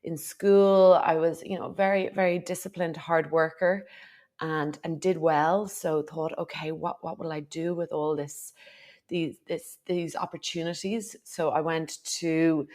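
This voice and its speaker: A woman's voice: deep voice, steady tone, unhurried, darkish tone. An Irish woman, a podcast guest who runs retreats, reflecting on her life story in a casual conversational interview. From Ireland. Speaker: podcast guest, retreat host and yoga teacher.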